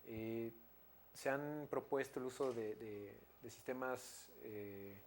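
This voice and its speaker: A man in his thirties with a Mexican Spanish accent delivers an academic lecture at a middling pitch. He talks in a hesitant, conversational way, full of fillers and self-corrections, and often checks in with his listeners through tag questions. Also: slow pace, a little hiss or hum.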